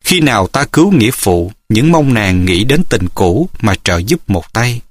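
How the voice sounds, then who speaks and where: A courteous young hero , as a male reader voices him speaks earnestly and politely. The delivery moves widely in pitch and sounds dry and close, like a martial-arts audiobook. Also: very animated, normal speed, no echo.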